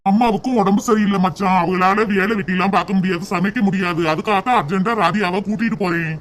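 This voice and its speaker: A polite hurried cartoon son-in-law. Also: male voice, sits high, fairly even intonation, a bit bright, slight background noise.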